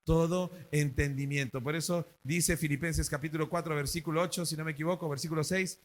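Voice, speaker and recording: A man's voice: on the high side, brisk. A male pastor, preaching a sermon at a church service and asking the congregation questions. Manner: animated, asks the congregation questions.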